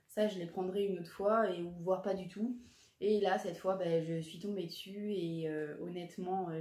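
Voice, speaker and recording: Chatty young woman, mellow voice, roomy echo. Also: medium pitch. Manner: chatty, hesitant with many fillers and self-corrections. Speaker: vlogger showing her purchases. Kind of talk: casual haul vlog. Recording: roomy echoey room.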